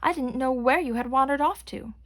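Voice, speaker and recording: A caring mother fox speaks in a plain, motherly voice, as a woman plays her. She sounds close to the reader's own voice, gently concerned. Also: sits high, a little fast, no echo, pitched above the performer's own voice. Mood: relieved.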